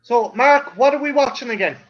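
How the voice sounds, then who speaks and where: High-voiced swearing man joking around. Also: a little fast. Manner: crude, joking, swears a lot. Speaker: co-host of a watch-along stream. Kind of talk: casual profane banter. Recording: muffled lo-fi stream audio.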